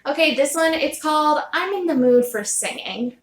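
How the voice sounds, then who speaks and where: A woman's voice: sits high, animated, moderate pace, a little hiss or hum. A woman leading a children's sing-along in a kindergarten teacher voice, encouraging and simply phrased for small children. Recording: roomy echo with loud ukulele music. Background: ukulele playing.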